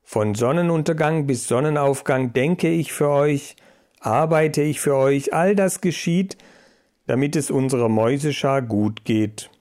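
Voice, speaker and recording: A man's voice: mid-range voice, a little slow, darkish tone, natural voice. A man voicing a domineering male mouse boss who speaks in a sugary, coaxing voice. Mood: sugary rousing.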